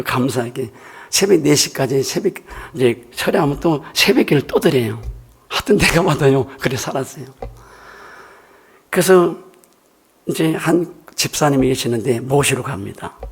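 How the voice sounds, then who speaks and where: Gravelly, husky older male pastor preaching. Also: mid-range voice. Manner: storytelling preacher, conversational and emphatic. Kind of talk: sermon. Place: church.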